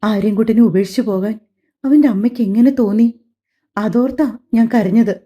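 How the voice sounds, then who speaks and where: Gentle timid young wife read by a woman, soft, deferential, mellow higher voice. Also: moderate pace, natural voice. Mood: hesitant. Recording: slightly dull lo-fi audio.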